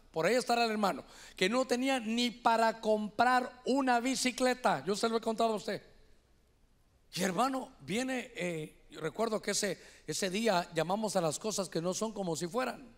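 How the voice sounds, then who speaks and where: A man delivers a sermon, his voice sitting high for a man. He tells church testimonies with fervor and keeps addressing the listeners directly as "brother.". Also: normal speed. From Honduras. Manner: fervent storytelling preacher, calls out "hermano" often. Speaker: pastor.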